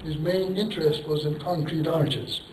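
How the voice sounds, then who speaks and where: In an echoey hall, recorded from some distance, a man with a fairly high, slightly mellow voice and fairly even intonation speaks at normal speed. He's an engineering professor, Turkish by first language, giving a conference lecture that rambles, with self-deprecating chuckles and rhetorical questions.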